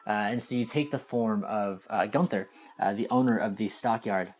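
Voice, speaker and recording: A man's voice: lowish voice, normal speed. A man narrating a tabletop role-playing game as game master in a hesitant, conversational way. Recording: faint background noise.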